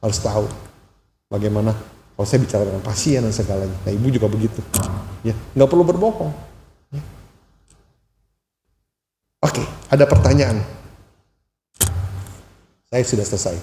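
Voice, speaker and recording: A man's voice: lowish voice, normal speed, long pauses, warm tone, slight background noise. A man giving a casual sermon as a Buddhist lay preacher, telling chatty stories and acting out the dialogue in livelier voices. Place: temple hall. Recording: echoey hall reverb.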